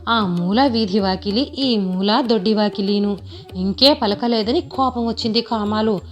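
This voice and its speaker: A woman doing a gossiping older village mother, complaining, mid-pitched, faint music behind. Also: a little slow, lightly acted. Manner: chatty, complaining storytelling.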